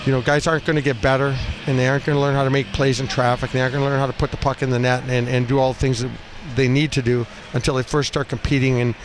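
A hockey coach in his fifties gives an unscripted postgame interview with a mid-range voice, blunt and halting, often repeating himself. He's in a small cinder-block room at a rink, on a headset boom mic, with a steady din from the noisy arena around him.

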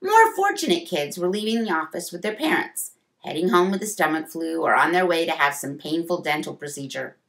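A woman, a children's librarian, reading a storybook aloud with expressive voices for the dialogue. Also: low voice, fairly quick, gravelly.

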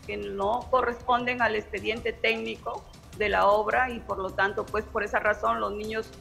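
A woman's voice: medium pitch, little pitch movement, normal speed, vocal fry, fairly bright tone, soft background music. A middle-aged woman, a school principal, answering a reporter outdoors, earnest and pleading with some hesitation. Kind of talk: interview answers. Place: outdoors on a street. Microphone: reporter's handheld microphone.

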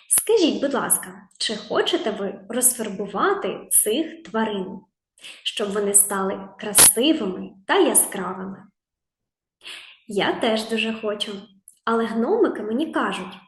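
A woman teacher with a Ukrainian accent, leading a lesson for small children, drawing out each sound and asking gentle questions. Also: fairly high pitch, echoey room. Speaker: preschool teacher. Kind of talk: slow, patient lesson for young children.

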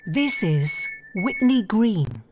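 A woman delivers recorded onboard train announcements, unhurried and formal. Her intonation rises and falls widely over each phrase. The pitch sits in an ordinary middle range. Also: soft background music. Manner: calm, measured, formal announcing.

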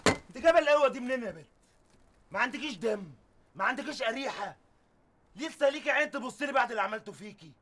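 An actor playing a ruthless gang boss in a TV drama, speaking with an Egyptian accent in a commanding, menacing way. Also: male voice, very high voice, animated, very fast, pauses often, fairly bright tone, full character voice. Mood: gloating. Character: ruthless male gang boss called the Prince. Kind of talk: TV drama acting.

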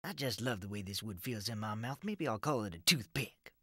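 A man's voice: lowish voice, animated, fairly quick, a bit bright, husky, dry recording, clean studio sound. A man voicing a laid-back, swaggering male fighter in an ad-libbed dub outtake. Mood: cocky.

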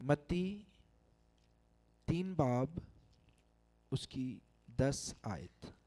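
A middle-aged Pakistani pastor with a Pakistani Urdu accent, preaching a sermon into a handheld mic in a large church hall, with emphatic calls to the congregation. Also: male voice, medium pitch, lively intonation, extremely slow, warm tone. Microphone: handheld microphone.

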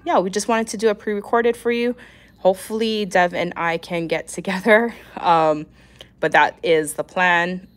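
Her pitch sits fairly low as she hosts a weekly livestream about nail art. She has a cold, so she sounds scratchy, nasal and stuffed up, chatting casually and clearing her throat from time to time.

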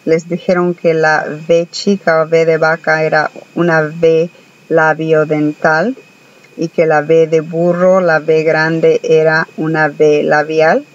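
A man with a Mexican Spanish accent teaching English, speaking slowly and carefully, repeating words for pronunciation with many filler sounds. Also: a little high, level tone, dull audio. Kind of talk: slow spoken language lesson.

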